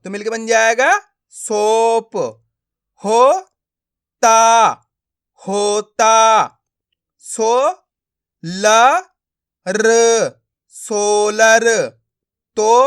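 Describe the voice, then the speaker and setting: A man teaching a reading lesson, sounding out each syllable slowly and firmly and often asking the listener if it is clear. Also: very high voice, fairly bright tone. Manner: sounds out words syllable by syllable, slow and emphatic; repeats simple questions to the viewer.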